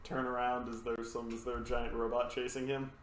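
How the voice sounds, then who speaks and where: A man's voice: mid-range voice, brisk, a little hiss or hum. Joking young man at the game table. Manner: excitable, joking, restarts often. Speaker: player. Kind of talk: casual tabletop game chat. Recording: echoey room.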